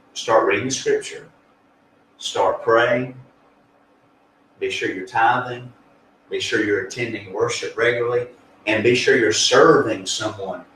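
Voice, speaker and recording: Earnest pastor, distant in echoey room. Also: male voice, mid-range voice, fairly bright tone, a little hiss or hum. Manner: earnest, folksy, with many fillers and restarts. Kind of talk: conversational spiritual teaching. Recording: echoey room, distant mic, faint ambience.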